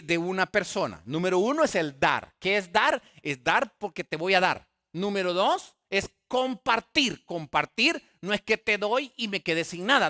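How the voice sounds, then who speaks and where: High, lively-voiced man preaching. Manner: animated preaching with rhetorical questions and acted dialogue. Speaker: pastor. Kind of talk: sermon.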